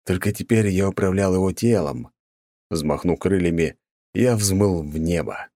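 A man narrating a first-person audiobook in a steady, measured reading. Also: deep voice, dry recording, clean studio sound.

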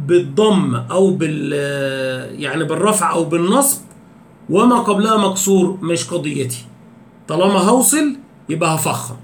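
High-voiced Egyptian man teaching tajweed. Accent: Egyptian Arabic. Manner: explains rules with repeated questions, slows down to recite examples. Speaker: Quran recitation teacher. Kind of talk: tajweed lecture. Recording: echoey room with faint background noise.

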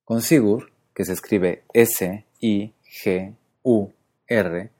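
A man hosting a podcast, explaining pronunciation methodically, spelling out letters and repeating sounds slowly. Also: fairly low pitch, steady tone, dark tone. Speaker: podcast host.

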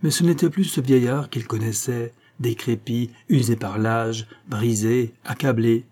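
A man's voice: medium pitch, fairly even intonation, unhurried, warm tone. Man narrating a historical tale. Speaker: audiobook narrator.

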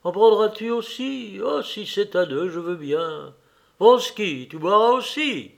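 A man's voice: sits high, animated, measured pace, creaky, voice pushed up, heavily acted. A man reading aloud voices a young officer just woken from sleep, irritable and whiny. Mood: grumpy.

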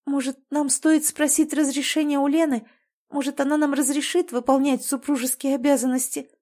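A woman's voice: sits high, level tone, normal speed, darkish tone, pitched above the performer's own voice, natural voice. A woman voicing a desperate young wife whose voice trembles and breaks as she pleads. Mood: pleading.

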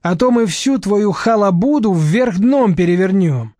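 Storybook thug, menacing sneer, read by a man, rather high voice, dry mic. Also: expressive, a little slow, darkish tone, dry recording. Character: sneering slick-haired young male thug.

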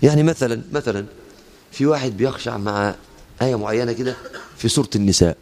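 A man with an Egyptian accent preaching a Quran study lesson, swinging from calm explanation to high, emotional pleading. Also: fast talker. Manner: emotional, rising to high impassioned pleas.

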